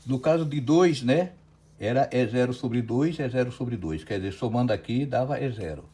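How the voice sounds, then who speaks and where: With a warm, mid-range voice, lively intonation and a moderate pace, a Brazilian Portuguese-accented man delivers an online physics lecture. He methodically solves a problem step by step, frequently asking "certo?".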